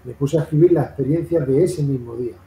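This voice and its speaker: A man's voice: mid-range voice, fast talker, creaky, mellow, slight background noise. A man from Madrid with a Castilian Spanish accent, hosting an interview in a long, rambling, repetitive way. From Madrid, Spain. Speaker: interview host. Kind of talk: casual interview chat. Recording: echoey room.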